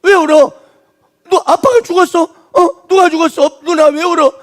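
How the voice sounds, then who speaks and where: A man's voice: very high voice, moderate pace, fairly bright tone, pitched above the performer's own voice. A man voicing a frightened little boy who keeps pleading and repeating his questions.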